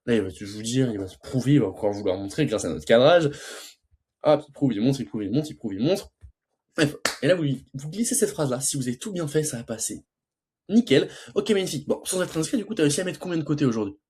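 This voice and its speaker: A man's voice: mid-range voice, darkish tone, husky. A young man coaching sales closing in a casual talk, stuttering and restarting often, and acting out both sides of a sales call. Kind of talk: casual teaching monologue.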